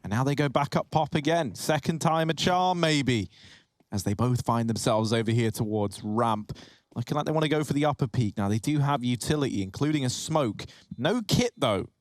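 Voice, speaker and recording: A man working as an esports caster, giving excited play-by-play commentary with an emphatic delivery. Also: medium pitch, normal speed, no echo. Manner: rising, emphatic delivery at key moments.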